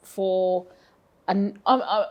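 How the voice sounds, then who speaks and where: A woman's voice: mid-range voice, steady tone, very slow, muffled recording. Chatty Australian woman in her fifties. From Brisbane, Australia. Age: 50s. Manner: rambling, self-deprecating, frequent fillers. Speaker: guest, business owner. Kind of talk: casual interview chat.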